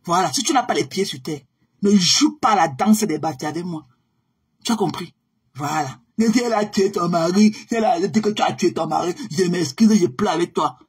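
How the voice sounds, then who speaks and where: A woman's voice: fairly low pitch, animated, normal speed, slightly rough. A woman, ranting confrontationally on a live stream and dropping in English phrases. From Cameroon. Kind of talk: heated live-stream rant.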